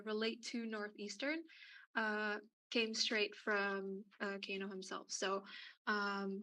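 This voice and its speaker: Woman, event host, slow pace, hesitant with fillers, dry close sound. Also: mid-range voice, sharp tone, no room sound, rough recording. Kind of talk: presenting at an online info session.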